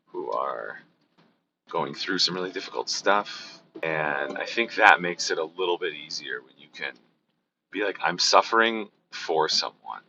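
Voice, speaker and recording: A middle-aged man with a hoarse, sick voice, giving a rambling, casual daily vlog update with fillers and restarts. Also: sits low, bright, forceful tone, highs cut off, a little hiss or hum. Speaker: vlogger.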